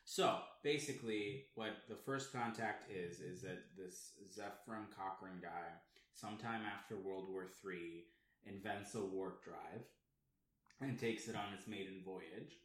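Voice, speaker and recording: A man's voice: sits low, unhurried, fairly bright tone. A man co-hosting a casual chat, explaining at length with plenty of ums and restarts. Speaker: podcast co-host. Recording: roomy echo.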